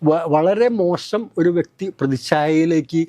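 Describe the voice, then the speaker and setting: A man hosting a political discussion, explaining at length in a measured way. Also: fairly high pitch, warm tone, no echo. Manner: measured and explanatory, with long recounting turns. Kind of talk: political analysis talk.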